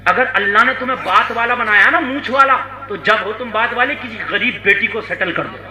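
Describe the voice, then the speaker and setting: High bright-voiced preacher, echoey hall. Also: male voice. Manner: dramatic, rising to shouts, coaxing the crowd to respond. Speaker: Islamic preacher. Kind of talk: Urdu sermon with storytelling. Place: conference stage before a crowd.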